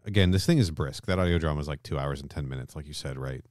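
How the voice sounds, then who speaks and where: In a casual, jokey chat about films and comics, a podcast host banters with his co-host. He talks fast in a very deep, darkish voice, recorded with clean studio sound and no room sound.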